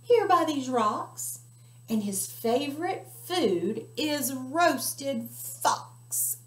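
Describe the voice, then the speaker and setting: A woman's voice: high voice, very animated, drawn-out words, roomy sound, voice pushed up, exaggerated voice. Woman voicing a sly little brown mouse. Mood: sweetly sly. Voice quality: hushed, whispery when telling of the beast. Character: small clever brown mouse bluffing predators.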